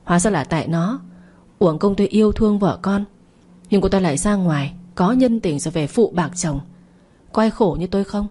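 A woman's voice: mid-range voice, a little fast, mellow, breathy edge, lightly acted. Woman voicing a whiny self-pitying husband. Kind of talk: audio story reading.

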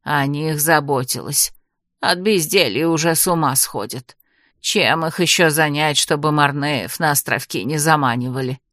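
A woman voicing a weary old half-blood witch who grumbles and scolds in a lower, slower voice. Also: a bit bright, no echo, clean studio sound. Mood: grumbling. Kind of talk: audiobook character voice.

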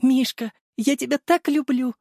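A man's voice: steady tone, a little slow, creaky, darkish tone, dry recording, clean studio sound, heavily acted. A man putting on a tearful loving mother. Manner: high, tender, sobbing. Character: tearful loving mother just after giving birth. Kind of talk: audiobook character voice.

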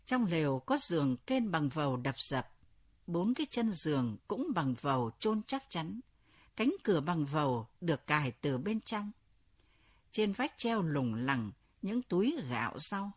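Slow husky woman telling a ghost story. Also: deep voice, sing-song.

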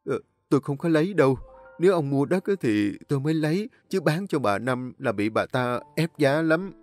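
A man voicing a poor, humble older male farmer who talks in an earnest, plain-spoken way, a bit higher than his own voice. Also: expressive, normal speed, faint music behind, lightly acted.

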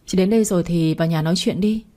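A woman's voice: lowish voice, very fast, dark tone, natural voice. A woman voicing a frightened young woman who pleads urgently. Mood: polite.

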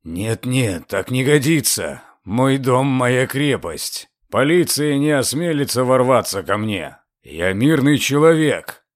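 A man voicing a frightened, secretive old gentleman who speaks slowly in a trembling, pleading way. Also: medium pitch, expressive, dry recording, studio quality. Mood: anxious.

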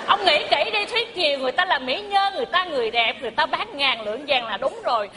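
A scolding matchmaker aunt played by a woman mocks everyone in a high voice. She is heard on a live stage, with a crowd and noise around her. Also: expressive, fast talker. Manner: mocking, scolding. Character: sharp-tongued middle-aged matchmaker aunt. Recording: live audience, hall noise.

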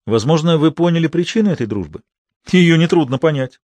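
A man's voice: on the high side, expressive, brisk, darkish tone, no room sound, pitched above the performer's own voice. A man reading a coarse, spiteful, hulking older male troupe leader who sneers and blusters, in an audiobook. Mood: sneering.

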